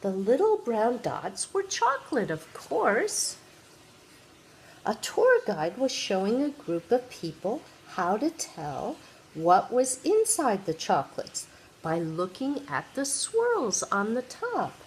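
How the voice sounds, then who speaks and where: An older woman, a sweet grandmother, reading a children's picture book aloud and gently engaging the young listener. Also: on the high side, huge pitch swings, slow pace, slight background noise, rough recording. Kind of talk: read-aloud children's storytelling.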